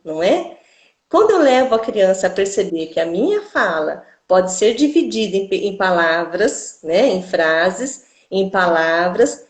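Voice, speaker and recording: A mid-range female voice belongs to a Brazilian speech therapist, her accent Brazilian Portuguese, explaining things in a teaching style during an interview. She often ends her phrases with "né?", and the recording sounds roomy.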